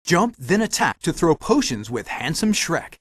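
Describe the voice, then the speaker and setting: A man's voice: fairly high pitch, sing-song, moderate pace, a bit bright, husky, no room sound, studio quality, full character voice. A man voicing a helpful magic mirror, a theatrical fairy-tale guide giving scripted, instructive video game hints.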